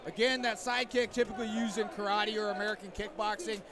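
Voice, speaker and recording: High-pitched male fight analyst over crowd. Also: little pitch movement, fast talker. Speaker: MMA color commentator. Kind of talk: live analytical sports commentary. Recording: loud crowd at live venue.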